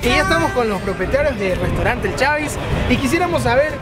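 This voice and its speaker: A young man hosting a street interview outdoors at a restaurant, speaking with a handheld mic in an animated, upbeat presenter manner. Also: very high-pitched, quick pace, loud music behind the voice, a loud crowd. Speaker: host.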